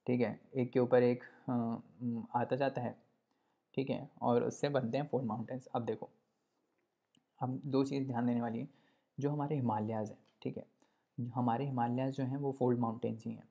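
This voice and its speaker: A man teaching a lesson in a relaxed, conversational way, often stopping to check that the listener follows. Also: medium pitch, normal speed, gravelly. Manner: conversational, repeats "ठीक है" often, checks understanding. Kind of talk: explanatory lesson while drawing. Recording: dull lo-fi recording.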